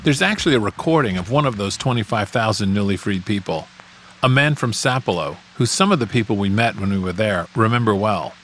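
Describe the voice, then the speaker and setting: A man's voice: fairly low pitch, expressive, fairly quick, fairly bright tone, soft background music, low-quality recording. A man hosting a podcast, delivering scripted documentary narration.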